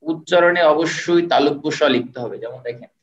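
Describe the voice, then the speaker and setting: A man teaching an online class, patiently repeating words and sounding them out slowly. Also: on the high side. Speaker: online tutor. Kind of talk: live online lecture. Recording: roomy, distant, dull sound.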